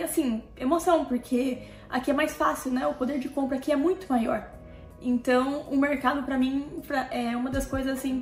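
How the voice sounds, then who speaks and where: A woman's voice: high-pitched, darkish tone. Chatty Brazilian woman in a roomy space. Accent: Brazilian Portuguese. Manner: chatty, keeps addressing viewers with tag questions. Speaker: family vlogger. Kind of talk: casual talk to camera. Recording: roomy echo with faint music.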